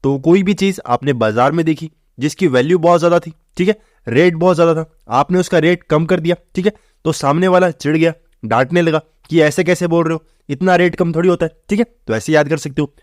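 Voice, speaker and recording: A man's voice: fairly high pitch, fairly quick, no echo, clean studio sound. Chatty male vocabulary teacher. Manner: chatty, repeats "theek hai" and "bahut easy hai". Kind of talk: online exam-prep vocabulary lesson.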